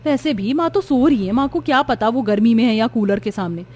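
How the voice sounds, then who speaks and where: A woman's voice: on the high side, expressive, brisk, darkish tone. A woman voicing a vain, spoiled young woman in a storybook, scornful and bossy, slipping English words into her talk. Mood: arrogant. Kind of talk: storybook voice acting.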